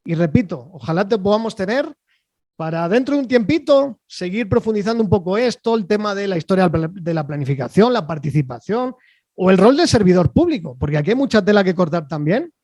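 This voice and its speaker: A man hosting an online interview over a video call, chatty and rambling, filling pauses with "eh" and checking in with "¿vale?". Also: high-pitched, animated, a little mellow, no room sound, studio quality. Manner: chatty, rambling, with frequent fillers and "¿vale?" tags. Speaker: host.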